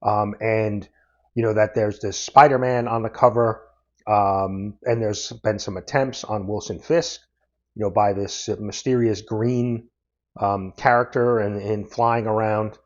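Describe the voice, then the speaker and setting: Man, lowish voice, casual comic book review, meandering plot recap, dull lo-fi audio. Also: fairly even intonation, unhurried.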